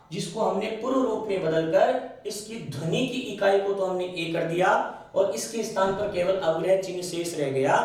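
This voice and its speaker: A man with a Rajasthani Hindi accent teaching Sanskrit grammar in a classroom lecture, posing questions to himself and answering them, stretching out key sounds. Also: sits high. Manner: asks and answers his own questions, slows on key sounds. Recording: very echoey room, mic far off.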